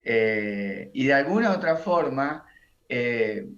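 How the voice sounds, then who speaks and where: A man, a coach and guest, talking in a reflective, unhurried way and often adding a questioning tag. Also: mid-range voice, lively intonation, fairly bright tone, echoey room, muffled recording. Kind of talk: reflective conversation.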